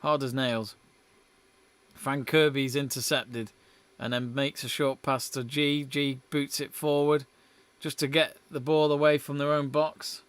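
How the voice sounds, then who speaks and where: A man's voice: mid-range voice, flat delivery, measured pace, a bit bright, clean tone, dry recording. Chatty man hosting a football watch-along. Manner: chatty, reads out viewer messages between play-by-play. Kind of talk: live watch-along commentary and chat.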